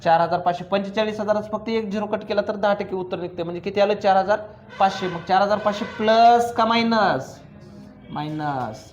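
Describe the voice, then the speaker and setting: High-voiced teacher quizzing his class. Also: fairly even intonation, highs cut off, soft background music. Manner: drilling students with rapid questions, teasing. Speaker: commerce teacher. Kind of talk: classroom lecture with questions to students.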